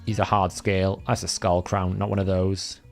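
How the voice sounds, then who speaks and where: A deep-voiced man from Wales keeps a level tone at normal speed while hosting a gameplay livestream, soft music in the background. A first-language Welsh speaker, he chats and reasons aloud, regularly correcting himself.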